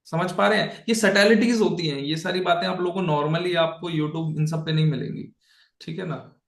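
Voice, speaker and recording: A man's voice: fairly high pitch, fairly even intonation, moderate pace, vocal fry, roomy sound. A man giving a casual online lesson, talking in a conversational way, checking in with his listeners often and slipping English phrases into his speech. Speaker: Bhagavad Gita teacher.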